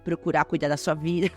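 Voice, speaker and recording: Brazilian portuguese woman, lower voice, chatty podcast monologue, faint music underneath. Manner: chatty, lively, addresses listeners as gente. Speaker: podcast host.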